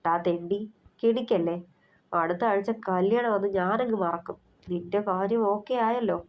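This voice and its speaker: A woman voicing a proud, stubborn young man who talks roughly and mocks his friends. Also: medium pitch, moderate pace, a little hiss or hum, close to an everyday voice. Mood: indignant. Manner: rough, mocking. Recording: slightly muffled recording.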